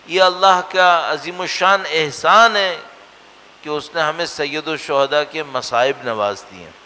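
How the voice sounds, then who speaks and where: A man giving a religious lecture, earnest, asking rhetorical questions and swinging between emphatic and hushed lines. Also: fairly high pitch, a little slow. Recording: long hall reverb.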